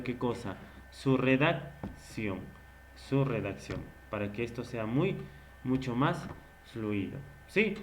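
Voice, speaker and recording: Slow-talking literature teacher quizzing students. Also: male voice, medium pitch. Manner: asks the listener questions and answers them himself; repeats key words slowly. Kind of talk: recorded lecture.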